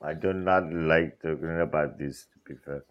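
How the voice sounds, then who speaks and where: Deep-voiced man with deadpan absurd banter. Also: moderate pace, muffled recording. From United Kingdom. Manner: deadpan, absurd in-character jokes in broken English. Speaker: caller, fellow podcaster. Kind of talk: joking call-in banter.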